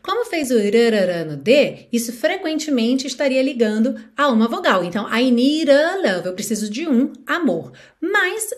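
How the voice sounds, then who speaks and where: A woman who speaks Portuguese as her first language, teaching English pronunciation through song lyrics, stretching the English lines slowly and explaining quickly between them. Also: on the high side, sing-song.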